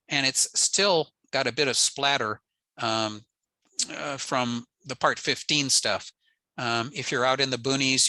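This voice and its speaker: Indoors on a video call, an older American amateur radio enthusiast gives an informal technical slide presentation, matter-of-fact and plain-spoken. His mid-range voice sounds pushed and bright, with no room sound but a rough recording.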